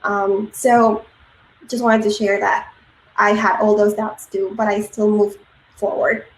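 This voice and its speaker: A slow, flat delivery at medium pitch marks this conference talk by a woman in her thirties who grew up in Peru. She speaks earnestly with frequent ums and uhs, captured in an echoey room with faint noise.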